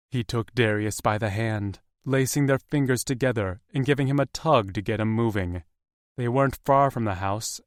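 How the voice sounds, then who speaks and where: A man reading a romance novel aloud in calm, even storytelling narration. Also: lowish voice, no echo, studio quality. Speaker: audiobook narrator.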